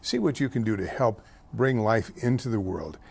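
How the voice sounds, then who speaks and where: With a low, creaky voice that has a breathy edge and lively intonation, an older host of a local talk show speaks haltingly amid many fillers and slips on names. He grows louder and more heated about politics.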